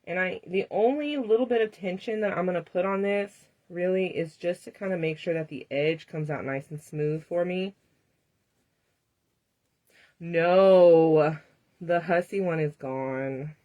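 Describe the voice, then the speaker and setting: A woman's voice: on the low side, unhurried, dark tone. A woman hosting a live craft demonstration, chatting to viewers and laughing often as she works. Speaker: craft tutorial host.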